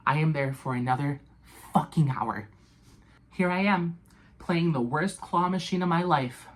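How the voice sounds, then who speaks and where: A young woman with a notably low voice, telling a wild storytime in a loose, profane, dramatic way. She piles on fillers and asides as she goes. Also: a little slow. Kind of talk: casual storytime.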